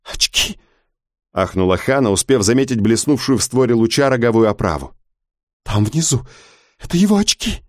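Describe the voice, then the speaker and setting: A man's voice: on the low side, fast, few pauses, darkish tone, dry recording, clean studio sound, natural voice. A man voicing a frightened young woman, breathless and fearful, at times screaming. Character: frightened young woman, treasure hunter's partner.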